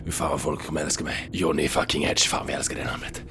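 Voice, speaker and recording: A man's voice: rumbling low, fairly even intonation, creaky, sharp tone, slight background noise, full character voice. An actor playing a brash, foul-mouthed male hero in a video game, boastful, profane and given to talking to himself. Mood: muttering, cocky.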